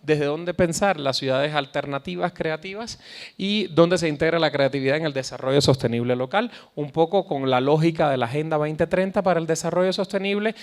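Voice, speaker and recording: A man with a Caribbean Spanish accent giving a public lecture in a conversational way, pausing to search for words and repeating phrases for emphasis. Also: on the high side. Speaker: guest speaker, cultural policy researcher. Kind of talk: public lecture addressing an audience.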